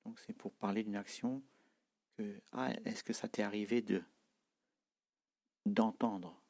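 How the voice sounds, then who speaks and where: A man teaching a language lesson, explaining slowly with many hesitations and repeating example phrases. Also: on the low side, steady tone, darkish tone.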